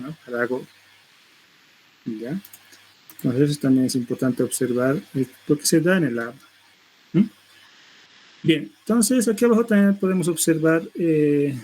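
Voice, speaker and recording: A man's voice: on the high side, darkish tone, poor audio. A middle-aged man teaching a university seminar, explaining step by step and tagging his phrases with a questioning "no?". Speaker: linguistics lecturer.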